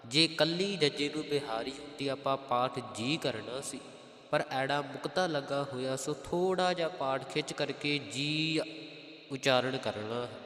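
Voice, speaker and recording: A man with a Punjabi accent teaching how to pronounce scripture. He chants each verse slowly, then explains its spelling step by step. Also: medium pitch, fairly bright tone. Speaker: Gurbani recitation teacher. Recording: roomy echo with long reverb.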